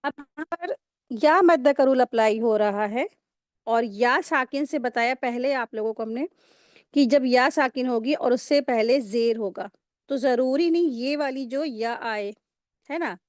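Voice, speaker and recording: High-voiced woman teaching recitation rules. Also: no echo, studio quality. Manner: slow drawn-out syllable-by-syllable demonstrations; patient, repeats rules for memorizing. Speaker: tajweed teacher. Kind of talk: online recitation lesson.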